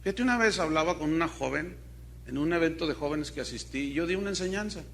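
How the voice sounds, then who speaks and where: Bright-voiced pastor preaching. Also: male voice, a little high, animated, fast, gravelly, slight background noise. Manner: preaches with dramatic swings, asks the congregation questions. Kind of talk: sermon.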